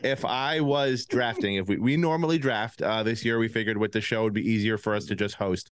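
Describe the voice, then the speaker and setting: A man's voice: on the low side, fairly quick, clear, resonant tone, no room sound, clean studio sound. A man with a lisp hosting a casual podcast game, laughing often as he runs the draft.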